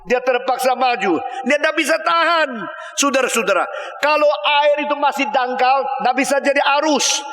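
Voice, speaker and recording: An older male pastor delivers an impassioned sermon in a high, bright, ringing voice. He swings from loud exclamations down to low murmurs. The sound rolls through a large hall with long reverb. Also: normal speed.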